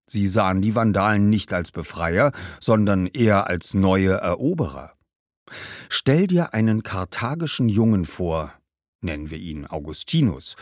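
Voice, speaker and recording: A man's voice: on the low side, lively intonation, moderate pace, dry recording. Man telling a kids history story, bouncy intonation, dry close sound. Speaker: narrator. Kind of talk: storybook narration for children.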